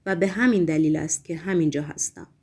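A nervous middle-aged male patient, fussy and reproachful, keeping his voice hushed and careful, as a woman reads him in an audiobook. He speaks in a slightly lowered, restrained tone, each remark measured. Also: breathy edge. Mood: fretful. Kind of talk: audiobook reading.

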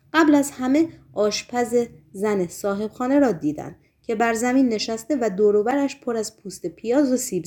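Mellow woman reading a novel aloud. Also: mid-range voice. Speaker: narrator.

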